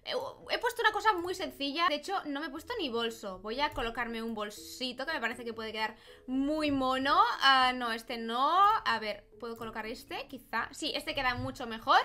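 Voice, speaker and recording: A woman's voice: high-pitched, normal speed, pushed and bright. A young woman with a Spanish accent from Spain, commenting casually on a game she is playing at home and squealing over cute things, on a desk microphone with faint game music behind her. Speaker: gaming YouTuber. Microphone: desk microphone with headphones.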